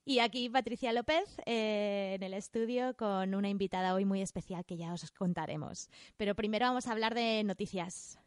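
A woman's voice: medium pitch, normal speed, few pauses, clean tone, dry recording. A woman co-hosting a chatty podcast from a studio, upbeat and jokey. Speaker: podcast co-host. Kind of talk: casual podcast chat.

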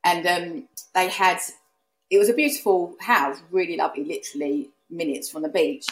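A woman's voice: lowish voice, steady tone, normal speed, low-quality recording. A woman with an Essex accent chatting casually in an interview, telling anecdotes, repeating herself and acting out remarks. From East London and Essex, England. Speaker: podcast guest, serviced accommodation host.

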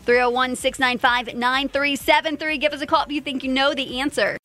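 A woman's voice: sits high, steady tone, brisk, sharp tone, faint music behind. An American woman hosting a morning radio show, with upbeat local chat and contest patter.

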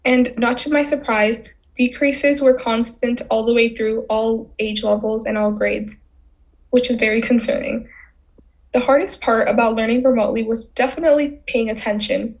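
A woman's voice: fairly high pitch, low-quality recording. A fourteen-year-old girl, born in Bangladesh and raised in New York City, talking earnestly about her own school life. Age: teens. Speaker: student guest. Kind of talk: personal testimony.

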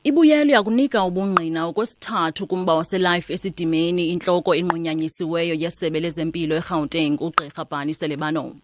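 A woman's voice: lowish voice, fast, few pauses. A woman reading a scripted radio news bulletin.

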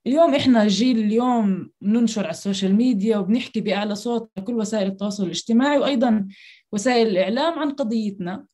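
A woman's voice: fairly high pitch, rapid-fire, warm tone. A woman from Palestine with a Palestinian Arabic accent, answering in a conversational interview in an earnest, explanatory way. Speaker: interview guest, activist.

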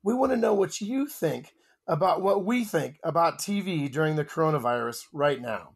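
Gravelly-voiced male podcast host. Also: on the high side, expressive, moderate pace. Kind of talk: casual chat.

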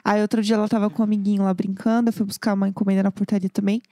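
A woman co-hosting a casual chat, lively and expressive, with jokey asides and bright quoted voices. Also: mid-range voice, racing, no echo, studio quality.

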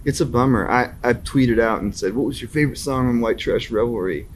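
A man's voice: mid-range voice, a little fast, slight background noise. A man in his thirties, a musician guest telling stories in a casual interview, laughing often and acting out his own reactions. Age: 30s.

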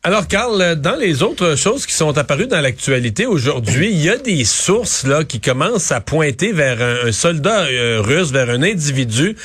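A middle-aged man with a Québécois accent, co-hosting and commenting on politics in a casual, quick way, with many fillers. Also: a little high, very animated, fairly bright tone, breathy edge, no room sound. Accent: Québécois French. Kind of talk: news panel commentary.

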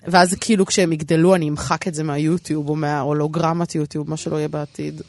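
A woman's voice: deep voice, level tone, a little mellow, a little hiss or hum. A woman with an Israeli accent talking casually as an interview guest, in a rambling, self-deprecating, repetitive way. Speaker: stand-up comedian, interview guest.

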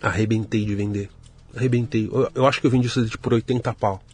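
A middle-aged man from Brazil, telling his story to an interviewer in a casual, lively way and acting out the voices of the people in it. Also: on the low side, fast talker, faint music behind. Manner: lively anecdotal, acts out quoted dialogue. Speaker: guest entrepreneur.

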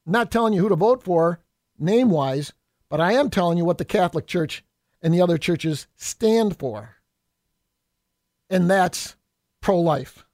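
Middle-aged man, high-pitched voice, folksy, combative political monologue, dry close sound. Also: expressive, a little slow, long pauses, a little mellow, no room sound. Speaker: state assemblyman hosting a political podcast.

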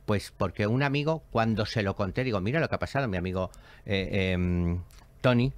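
Hombre expresivo narrando anécdotas con teatralidad. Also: male voice, on the low side, normal speed. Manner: expressive, theatrical storyteller who acts out quoted voices. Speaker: show host, spiritual medium. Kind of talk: animated storytelling chat.

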